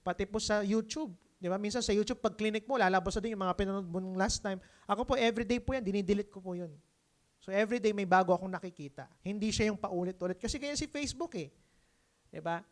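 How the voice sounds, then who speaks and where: A man's voice: high voice, quick pace. A man with a Filipino accent preaching a conversational sermon. He mixes English into his talk and keeps checking in with the congregation. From Philippines. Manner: lively, keeps asking the congregation "di ba?". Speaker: pastor.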